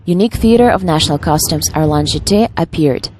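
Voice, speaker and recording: Low-voiced woman reading a documentary voice-over. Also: brisk, darkish tone, slight background noise. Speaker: voice-over translator.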